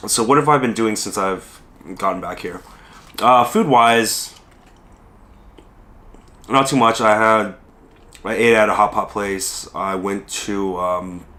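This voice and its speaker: A man from Southern California, hoarse from a lingering illness, chatting casually in a food vlog with many ums and pauses. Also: on the low side, a bit bright. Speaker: food vlogger. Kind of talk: casual rambling mukbang vlog. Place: restaurant dining room.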